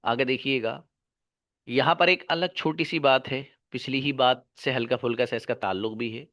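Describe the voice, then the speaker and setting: A man's voice: medium pitch, steady tone, normal speed, fairly bright tone. A male teacher giving a slide-based grammar lesson, explaining each phrase twice in two languages, then asking the class questions and answering them himself. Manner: addresses listeners informally as "bhai sahab" and "babu". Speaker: English teacher.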